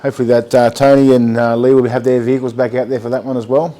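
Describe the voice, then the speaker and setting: A man's voice: mid-range voice, flat delivery, fast, warm tone. A man co-hosting a casual chat, easygoing and chatty, swearing now and then. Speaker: co-host.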